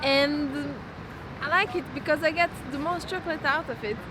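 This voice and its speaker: A woman from Montenegro answering street interview questions in a relaxed, hesitant way with many fillers. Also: sits high, moderate pace. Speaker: passer-by being interviewed. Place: outdoors at a castle in a city. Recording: clear street noise behind.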